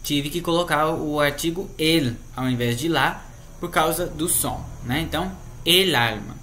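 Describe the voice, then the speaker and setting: A Brazilian Portuguese-accented man teaches a grammar lesson in a patient, explanatory way. His voice sits a little high and sounds bright and forceful. He keeps checking in with short tag questions. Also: a little slow, a little hiss or hum. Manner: patient, explanatory, tags sentences with "né?". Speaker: Spanish teacher.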